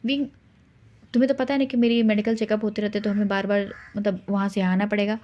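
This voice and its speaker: A woman voicing a worried middle-aged mother who speaks haltingly in a told-aloud story. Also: medium pitch, flat delivery, darkish tone, lo-fi sound, lightly acted.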